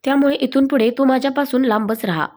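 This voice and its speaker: A man's voice: very high voice, fast, a little mellow, pitched above the performer's own voice. A woman voicing an angry young husband who speaks in curt, snapping bursts, in a storybook reading. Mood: tense.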